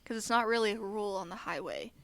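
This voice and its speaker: A woman's voice: medium pitch, lively intonation, quick pace, fairly bright tone. Blunt, ranting American woman. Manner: blunt, ranting, swears when annoyed. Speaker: podcast co-host. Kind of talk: casual chat.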